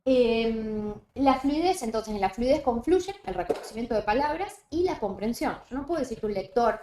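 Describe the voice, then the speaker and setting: A woman with a Rioplatense Spanish accent giving a seminar lecture, explaining step by step and often checking with a quick "¿sí?". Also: fairly high pitch, expressive, warm tone, a little hiss or hum. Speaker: lecturer on reading fluency. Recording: roomy echo.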